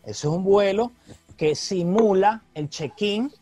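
A man co-hosting a casual chat, talking in a relaxed, slangy way and laughing easily. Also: high-pitched, measured pace, slightly rough, no echo, soft background music. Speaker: podcast co-host.

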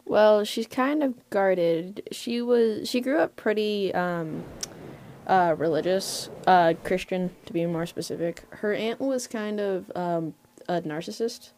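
Talking informally about her role, a female voice actor hesitates and assembles her ideas mid-sentence. She has a warm, medium-pitched voice.

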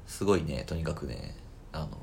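A man with a Kansai accent chatting casually over drinks as a podcast co-host, quick to agree with repeated words. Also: rumbling low, darkish tone. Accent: Kansai Japanese. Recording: clear background noise.

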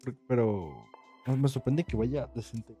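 A man's voice: mid-range voice, lively intonation, unhurried, warm tone, soft background music. A young adult Mexican man chatting casually on a livestream, with plenty of slang and swearing.

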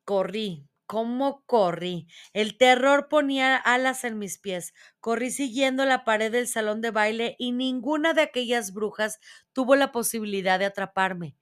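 Smooth-voiced woman reading a storybook aloud. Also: mid-range voice. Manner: dramatic, expressive reading voice. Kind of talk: first-person audiobook chapter reading.

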